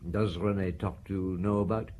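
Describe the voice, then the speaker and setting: An actor playing a shrewd middle-aged police chief inspector in an audio drama, questioning in a measured way with thoughtful hums. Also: male voice, deep voice, little pitch movement, dark tone, slight background noise, natural voice. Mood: probing, curious.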